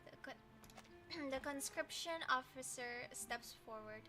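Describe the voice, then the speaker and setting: A woman livestreams a story game, reading the narration aloud and adding playful, teasing, slangy commentary. Her high, bright voice is forceful yet slow. Game music plays behind her.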